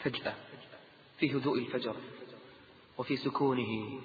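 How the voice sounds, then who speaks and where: A man preaching an emotional story sermon, dropping to a hush and rising loud, chanting verses in between. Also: mid-range voice, steady tone, normal speed, a little hiss or hum. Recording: tinny, echoey hall recording.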